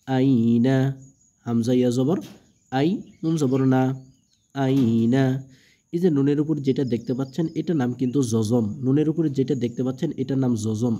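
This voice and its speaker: A man teaching Quran reading. He spells out letters and vowel marks one by one, drags out the long vowels and often checks in with his listeners. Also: warm tone. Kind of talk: slow spelling-out lesson. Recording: muffled low-fidelity audio.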